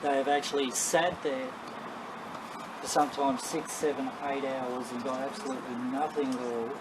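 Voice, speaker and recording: An Australian man giving a casual, rambling, matter-of-fact talk to a group as a paranormal investigator, telling anecdotes. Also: mid-range voice. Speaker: paranormal investigator leading a session. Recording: clearly noisy live ambient recording.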